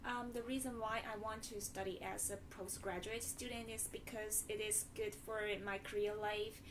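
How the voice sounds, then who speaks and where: A young woman from China, a postgraduate student, speaking softly and hesitantly with many ums. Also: mid-range voice, little pitch movement, moderate pace. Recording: distant mic with background noise.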